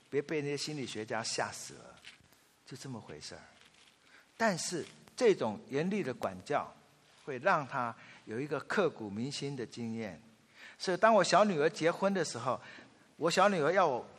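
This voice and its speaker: A man in his fifties giving a sermon, telling family anecdotes in an animated way and acting out the quotes. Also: a little high. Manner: storytelling, animated, acts out quotes. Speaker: pastor. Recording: long reverb of a large hall.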